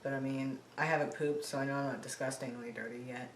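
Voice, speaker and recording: A man's voice: mid-range voice, steady tone, fast talker. An American man chatting casually on a home vlog. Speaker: vlogger recovering from surgery. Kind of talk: casual chat. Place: room at home. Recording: roomy, distant mic, faint noise.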